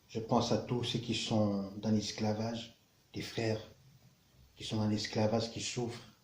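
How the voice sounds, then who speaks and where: Low, flat-voiced man in his thirties. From Cameroon. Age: 30s. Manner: earnest, halting, repeats words as he searches. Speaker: vlogger sharing his testimony. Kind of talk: prayer and personal testimony. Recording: roomy echo with faint background noise.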